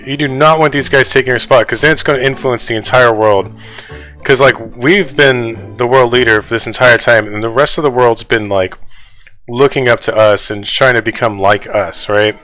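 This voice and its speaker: A man's voice: medium pitch, fairly bright tone, rough recording. A man giving casual, profane reaction commentary on news articles, ranting to his viewers with heavy swearing. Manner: fast, fired-up speech addressed to viewers.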